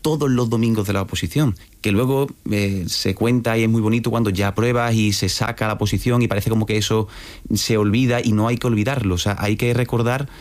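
A man's voice: fairly low pitch, steady tone, fairly quick. A man speaking as an interview guest, telling anecdotes in a reflective manner. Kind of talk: interview conversation.

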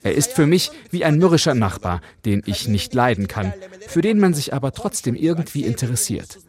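A man's voice: medium pitch, very animated, a little fast, darkish tone. A man reads a translated quote as a voice-over, keeping the tone plain and lightly casual. His voice sits in an ordinary middle range for a man.

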